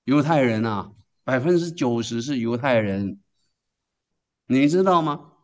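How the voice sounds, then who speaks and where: A man's voice: medium pitch, animated, a little slow. A man preaching a sermon. He tells the story emphatically and keeps asking the congregation questions, then answering them himself.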